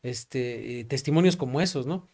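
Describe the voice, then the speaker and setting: A man's voice: medium pitch, normal speed, gravelly, mellow. A young man with a Mexican accent, a pastor giving an earnest testimony in an interview, full of fillers and acting out the remembered dialogues. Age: young adult. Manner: earnest, many fillers like "este" and "¿no?"; acts out both sides of remembered dialogues.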